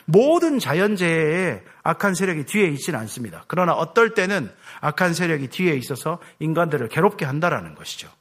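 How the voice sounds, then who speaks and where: Male preacher, sermon delivery, rhetorical questions, lively intonation. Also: on the high side. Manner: rhetorical questions, drops voice at phrase ends. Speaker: pastor.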